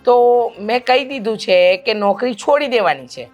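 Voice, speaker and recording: A woman playing a pushy middle-aged mother-in-law who wants a grandson, talking loudly and insistently in a family drama. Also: mid-range voice, sing-song, normal speed, soft background music, close to an everyday voice. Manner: loud, insistent, scolding. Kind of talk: amateur family drama acting.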